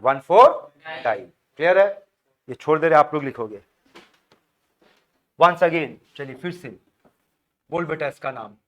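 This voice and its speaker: A man's voice: a little high, expressive, measured pace, long pauses, fairly bright tone, highs cut off. A man teaching chemistry in a classroom, coaxing students, repeating their answers back and prompting them by name.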